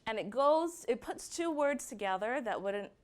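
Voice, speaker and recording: A young adult woman from Barbados with a Barbadian accent, giving a prepared personal talk and slowing down to stress key words. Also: a little high, lively intonation.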